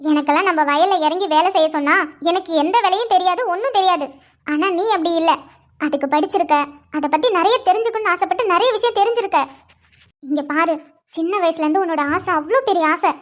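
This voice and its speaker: A calm, caring sister-in-law from a cartoon. Her voice is very high-pitched, and she talks in a soothing, reassuring way. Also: fast. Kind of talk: cartoon voice acting.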